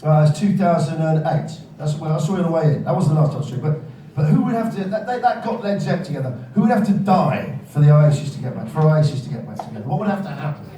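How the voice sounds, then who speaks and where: A man's voice: on the high side, very animated, quick pace, hardly any pauses, mellow, slight background noise. A man interviewing casually on stage in a rambling, matey, sweary way. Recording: very echoey, distant, crowd in venue.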